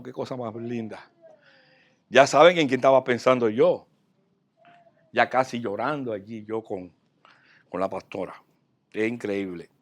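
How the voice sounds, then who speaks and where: A man, a pastor, telling a personal story in a sermon, swinging from soft asides to loud, excited outbursts. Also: mid-range voice.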